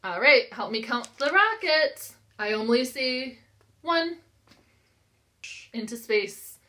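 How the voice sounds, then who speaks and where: Expressive and slow, her high-pitched voice comes across bright and forceful. She's an American woman in her thirties teaching preschool, reading aloud to young children in an interactive lesson full of simple, encouraging phrasing and questions.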